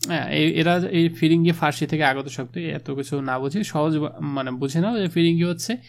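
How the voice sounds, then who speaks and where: Male teacher, gravelly and a bit high-pitched, chatty explainer of a school text. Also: moderate pace. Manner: casual, conversational, with frequent filler affirmations. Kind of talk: explaining a literature text to students.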